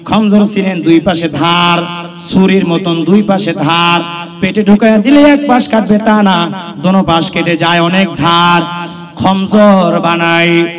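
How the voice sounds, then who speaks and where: A man's voice: high-pitched, measured pace. A man from the Khulna region preaching a sermon at an open-air gathering, impassioned, drawling and chanting phrases and calling on the listeners to respond. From Khulna region, Bangladesh. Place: large outdoor religious gathering. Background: crowd.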